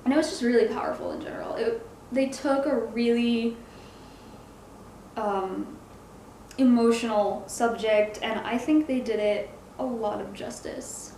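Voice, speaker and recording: Her voice is on the high side yet dark, steady in tone and a little slow, as the comic book reviewer offers a casual, hesitant take. She gropes for words and corrects herself along the way, in an echoey room with faint background noise.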